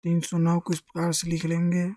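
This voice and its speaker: A maths teacher explains a lesson step by step in a mellow, warm voice. Questions are posed and answered in the same breath, with constant friendly address to the viewers. The sound is close and dry, with no room echo. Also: mid-range voice, completely flat delivery, fairly quick. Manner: asks questions and answers them himself; keeps addressing listeners as friends.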